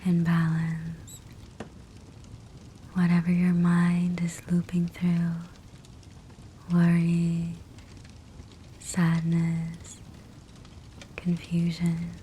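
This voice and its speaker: Guiding a sleep meditation, a woman whispers softly and breathily in a low register at a very slow pace. Long silences fall between her short, gentle, comforting phrases, all over a constant fireplace crackle.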